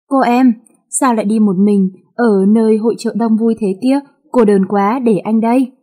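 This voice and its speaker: A woman voicing a sleazy, gruff young man who harasses a girl at a fair, in a storybook reading. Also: a little high, steady tone, normal speed, mellow, natural voice. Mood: smarmy. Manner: smarmy, wheedling. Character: sleazy leering young male thug at a fair.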